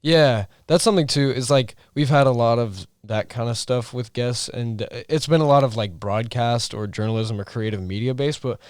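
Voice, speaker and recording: A man's voice: mid-range voice, moderate pace, hardly any pauses, darkish tone, clean tone, no echo, studio quality. A young adult man co-hosting a podcast, talking casually with many fillers and restarts. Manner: rambling, filler-heavy. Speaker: podcast co-host. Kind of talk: casual chat.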